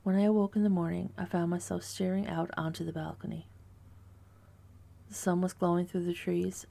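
Gravelly low-voiced woman narrating horror. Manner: hushed, measured, dread-filled delivery. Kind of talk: first-person horror story narration.

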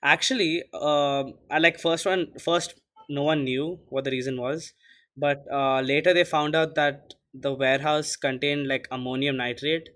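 A man's voice: a little high, steady tone, measured pace, fairly bright tone. A teenage boy from India co-hosting a casual podcast, talking loosely with lots of fillers. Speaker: podcast co-host.

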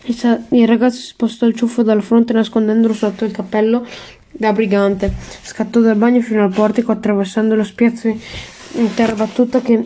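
A woman reads a children's novel aloud, calm and steady, stumbling now and then and correcting herself. Her voice sits fairly high, with a warm, mellow tone. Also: fairly quick. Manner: steady read-aloud with small slips and restarts. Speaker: reader.

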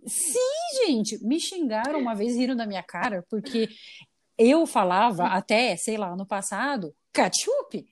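A woman who is a guest on a podcast, ranting in a lively, profane, casual way. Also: fairly high pitch, measured pace. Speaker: guest artist and English teacher.

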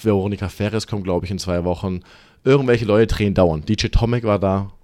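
Low-voiced chatty man in his thirties. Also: fairly quick, no room sound. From southwest Germany. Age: 30s. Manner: lively storyteller, mixes in English words. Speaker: podcast guest, gym staffer. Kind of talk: casual chat.

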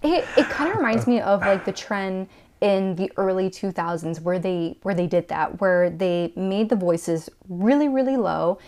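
A woman's voice: mid-range voice, moderate pace, a little mellow. A woman co-hosting a casual movie review chat, chatty with frequent "like" fillers. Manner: chatty, lots of "like" fillers, laughs often. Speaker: podcast co-host.

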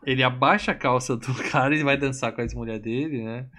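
A man's voice: mid-range voice, fairly quick. Male co-host, medium voice, loose profane storyteller. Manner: animated, profane storytelling with acted quotes. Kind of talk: casual film recap chat.

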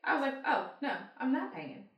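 A woman telling lively stories in casual chat, acting out heated quotes and swearing freely. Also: sits high, moderate pace, distant mic, highs cut off. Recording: echoey room, voice from off-mic.

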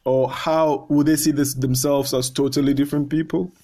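A man hosting a podcast, asking curious questions and thinking out loud as he goes. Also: fairly high pitch, level tone, moderate pace. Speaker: podcast host. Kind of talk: conversational interview.

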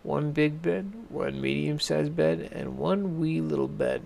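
A man reading a children's fairy tale aloud in a gentle, deliberate manner. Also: on the high side, expressive, vocal fry, slight background noise. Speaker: storyteller.

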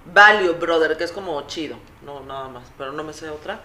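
A woman's voice: deep voice, brisk, pushed and bright. A woman with a Mexican Spanish accent, co-hosting a casual chat in a talkative, inquisitive way. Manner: chatty and inquisitive. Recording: roomy with faint noise.

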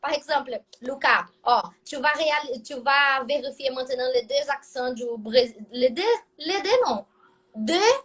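A woman from Brazil with a Brazilian Portuguese accent, chatting and asking questions in a lively, laughing way, switching languages as she goes. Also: high-pitched, unhurried. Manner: animated, laughs often, switches between languages mid-sentence. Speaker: conversation partner asking questions. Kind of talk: casual multilingual chat.

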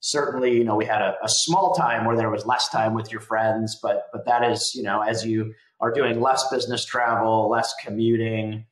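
Male interview guest, fairly deep, conversational delivery, recorded in a reverberant home room. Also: fairly even intonation, normal speed, few pauses. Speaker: podcast guest, business leader. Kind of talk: casual interview chat. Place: home guest bedroom or office. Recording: roomy home echo.

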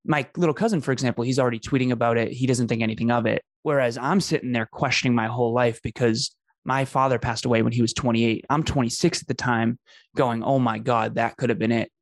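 Earnest man with a gravelly voice. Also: medium pitch, steady tone, fast talker, dry recording, clean studio sound. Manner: earnest, emphatic, repeats phrases for effect. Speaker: podcast host telling his story as a guest. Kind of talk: conversational storytelling.

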